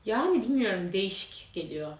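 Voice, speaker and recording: Fast-talking young woman telling stories. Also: mid-range voice, echoey room. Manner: animated storyteller, acts out quoted dialogue. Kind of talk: casual chat.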